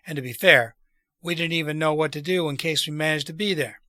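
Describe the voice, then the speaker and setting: A man voicing an earnest, deliberate revolutionary plotter in a storybook read aloud. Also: a little high, sharp tone, no echo, studio quality. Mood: earnest, explaining. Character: earnest male revolutionary plotter persuading wary allies.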